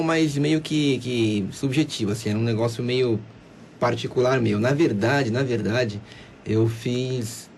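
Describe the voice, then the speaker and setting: A man's voice: medium pitch, a little mellow, a little hiss or hum. A Brazilian man in his twenties, a lawyer guest on a radio interview, who speaks hesitantly and repeats words. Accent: Brazilian Portuguese, São Paulo coast. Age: 20s. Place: radio studio.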